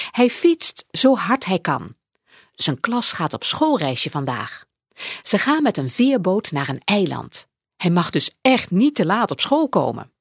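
A woman reading a children's book aloud as an audiobook, in an expressive storytelling manner. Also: fairly low pitch, slightly rough, dry recording, studio quality. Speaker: audiobook reader.

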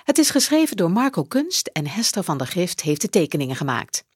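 Woman, audiobook reader, children's book, lively expressive reading, dry close sound. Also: on the low side, a little fast, husky, no echo.

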